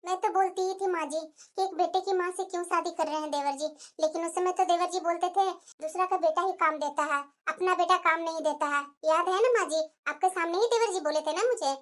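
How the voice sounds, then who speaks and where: A woman's voice: extremely high pitch, fairly quick, voice pushed down. Woman voicing a caring elder daughter-in-law. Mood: concerned. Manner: earnest, scolding, soothing. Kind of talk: animated story voice acting.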